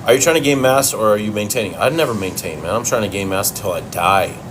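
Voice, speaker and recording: Speaking quickly in a lowish voice over music, a fitness livestream host from Chicago runs a casual Q and A from home. He's blunt and profane, answering questions between bites of food.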